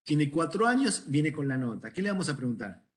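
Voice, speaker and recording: A middle-aged ENT doctor with a Rioplatense Spanish accent lectures medical students in a conversational way, quizzing the class and recounting cases from his practice. His voice is on the high side, swings widely in pitch, and moves a bit fast.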